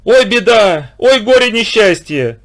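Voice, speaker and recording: A man's voice: sits high, sing-song, a little slow, creaky, pitched above the performer's own voice, exaggerated voice. A man doing a scheming peasant faking grief. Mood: feigned despair. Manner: loud theatrical crying out.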